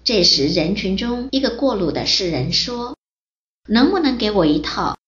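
A woman reading a first-person testimony aloud in a steady reading voice. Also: mid-range voice, normal speed. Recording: roomy, dull lo-fi recording.

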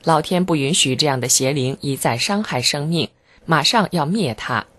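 A reader giving a scripted first-person narration in an even, measured voice, steady and earnest with fervent emphasis. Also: mid-range voice.

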